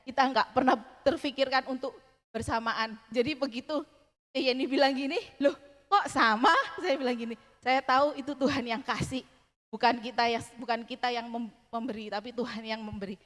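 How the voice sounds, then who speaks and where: Young woman, personal church testimony, earnest, halting fillers, fairly high voice, long hall reverb. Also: a bit bright. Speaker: church member giving testimony.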